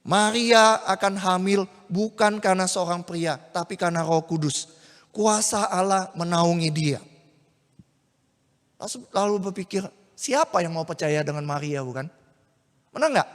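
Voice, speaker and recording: A man's voice: sits high, unhurried. A man preaching a sermon, telling the story animatedly and speaking straight to his listeners. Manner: animated, addresses listeners directly. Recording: long hall reverb.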